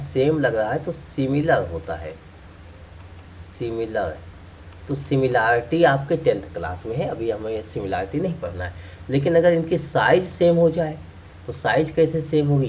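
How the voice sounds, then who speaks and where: A man's voice: mid-range voice, darkish tone, recorded from a distance, slight background noise. A man teaching math, explaining step by step while drawing and repeating key points. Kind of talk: classroom explanation.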